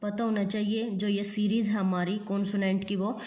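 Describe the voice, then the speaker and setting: A woman's voice: mid-range voice, flat delivery, normal speed, mellow. A woman with an Indian accent teaching a lesson, patiently spelling out letters one at a time. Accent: Indian English. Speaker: shorthand teacher. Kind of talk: classroom lesson.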